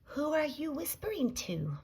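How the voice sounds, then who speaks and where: A woman's voice: high-pitched, big pitch swings, measured pace, a little mellow, pitched above the performer's own voice, full character voice. A woman voicing a practical, no-nonsense woman ticket seller who asks pointed, leading questions. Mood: probing.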